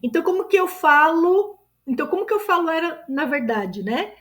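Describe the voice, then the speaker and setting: A woman's voice: very high-pitched, sing-song, fairly quick. A woman with a Brazilian Portuguese accent teaching English grammar, stretching out example words and checking in often with her learners.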